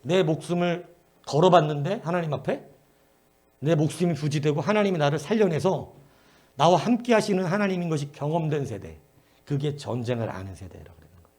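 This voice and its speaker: At a brisk pace, a middle-aged male pastor preaches to a prayer meeting, animatedly telling stories. Emphatic bursts give way to low asides and back again.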